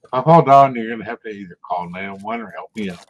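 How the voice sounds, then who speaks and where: This sixty-something man has a lowish voice and speaks quickly. He's a rambling storyteller in casual conversation, laughing softly every so often, heard through muffled lo-fi audio.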